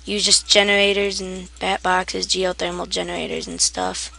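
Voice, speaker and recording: A woman's voice: lowish voice, big pitch swings, normal speed, creaky, bright, forceful tone, a little hiss or hum. A woman giving a casual, rambling game tutorial, half asleep and self-deprecating, with keyboard typing behind her. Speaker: gaming tutorial maker.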